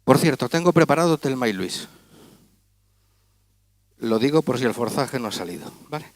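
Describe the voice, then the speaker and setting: A man's voice: mid-range voice, animated, moderate pace, no room sound. A man doing comic stage patter as a magician, teasing and chatting with volunteers in front of a gala audience. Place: auditorium stage.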